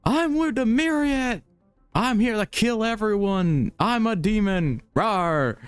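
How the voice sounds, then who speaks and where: A man voicing a small flying male imp who shouts hammy threats, with music behind. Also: high voice, expressive, slow, clean tone, voice pushed up. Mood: menacing.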